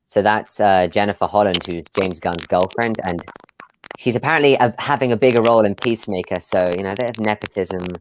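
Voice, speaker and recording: A man's voice: lowish voice, fairly quick, a little hiss or hum. A man hosting a casual live discussion over a video call, chatty, with many fillers and frequent laughs. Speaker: host.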